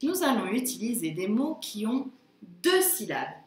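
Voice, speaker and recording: Woman, phonics teacher for young kids, drawn-out careful words, animated pitch, echoey room. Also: a little hiss or hum. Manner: slow, careful, drawn-out word pronunciation. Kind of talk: phonics lesson for young children.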